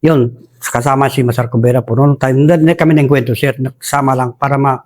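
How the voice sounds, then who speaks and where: Rambling soldier from Basilan, deferential. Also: male voice, medium pitch, fairly even intonation, fast, darkish tone. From Basilan, Philippines. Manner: respectful, says "Sir" constantly, rambling with restarts. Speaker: retired soldier guest. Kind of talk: casual war storytelling.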